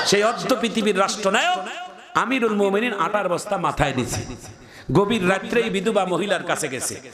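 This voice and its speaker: A man preaching a Bengali waz sermon, loudly calling on the crowd to shout responses and acting out the voices in his story. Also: high-pitched. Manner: storytelling with acted voices of the people in the tale.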